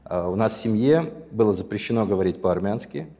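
A man in his sixties, from Azerbaijan, recalls his past as an interview guest with a deep, mellow voice. He speaks in a measured, reflective way, pausing often to choose his words. His voice rings with a long reverb, as if in a large hall. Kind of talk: reflective personal storytelling.

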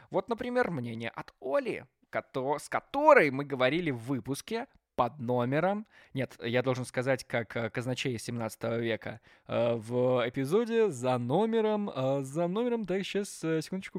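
A man in his twenties hosting a podcast in a casual, theatrical way, swinging between loud outbursts and quiet asides. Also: mid-range voice, no echo, studio quality. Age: 20s. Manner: animated, theatrical, jumps between loud and hushed. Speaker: podcast host.

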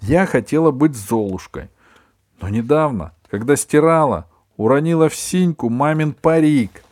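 A man reading aloud who voices a cheerful, chatty schoolgirl in a raised, lively voice. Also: on the high side, measured pace, voice pushed up.

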